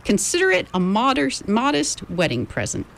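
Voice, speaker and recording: A woman's voice: fairly high pitch, wildly swooping pitch, normal speed, vocal fry, fairly bright tone, pitched above the performer's own voice, full character voice, rough recording. A woman reading an audiobook, voicing a formal, courteous male butler. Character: polite, proper adult male butler.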